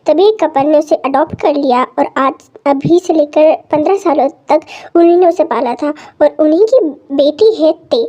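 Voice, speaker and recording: A woman's voice: sits high, normal speed, hardly any pauses, mellow. A young woman narrating a fan-fiction story in a plain, matter-of-fact way.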